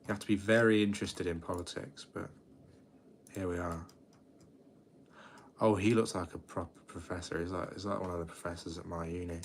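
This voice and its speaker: A twenty-year-old British man with a low, deep voice talks to his livestream in a relaxed, rambling way, often restarting his sentences. Faint background noise sits under his voice. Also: brisk, creaky, pauses often. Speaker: livestream host. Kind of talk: casual late-night livestream chat.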